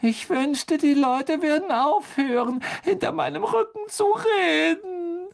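A narrator voicing a weepy, sulky ghost girl in a very high, tearful, whining voice, as in a storybook reading. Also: takes it slowly. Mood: sobbing. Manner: whiny, self-pitying wail. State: crying.

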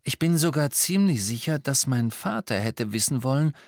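Audiobook figure: a blunt young wizard, firm and direct, as a male reader puts him on. Slightly raised pitch, dry. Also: animated, moderate pace, darkish tone, no echo, natural voice. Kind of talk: audiobook character reading.

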